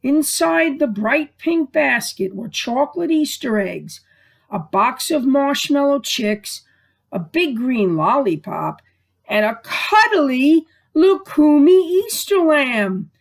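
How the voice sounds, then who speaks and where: A woman librarian reads aloud to children and families, telling the story in a deliberate, expressive way. Her voice is high-pitched and creaky.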